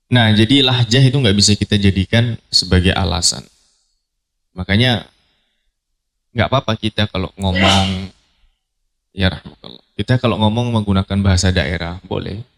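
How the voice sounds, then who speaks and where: Low-voiced man teaching Quran recitation. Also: a little slow, pauses often. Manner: relaxed, repeats points, clears throat often. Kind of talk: live tajwid lesson to students. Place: study hall at a training event.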